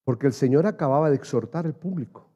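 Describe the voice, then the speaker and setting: A man's voice: mid-range voice, animated, fast talker, dark tone. A male pastor preaching an earnest sermon in church, building to emphatic raised passages and calling his listeners dear brother.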